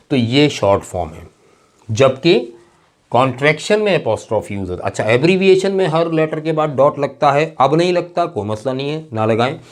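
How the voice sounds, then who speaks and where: Male teacher, mid-pitched, patient lecturing delivery with drawn-out example words. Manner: explains patiently, spells words out slowly letter by letter, checks understanding often. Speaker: English teacher. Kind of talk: classroom lecture.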